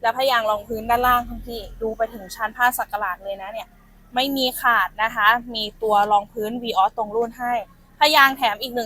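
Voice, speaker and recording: A young woman walks viewers around a used car with chatty, familiar sales talk. Her voice sits a little high. She sounds as if she is outdoors on a car lot. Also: pushed and bright. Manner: chatty, addresses viewers as elder sibling. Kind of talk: sales walkaround presentation.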